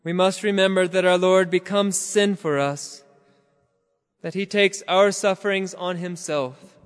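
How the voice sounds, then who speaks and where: A high-pitched man preaches in a slow, measured cadence, now and then lifting into a near-chant. His voice is smooth and resonant. A long reverb trails behind him, as in a large church. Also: steady tone. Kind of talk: sermon.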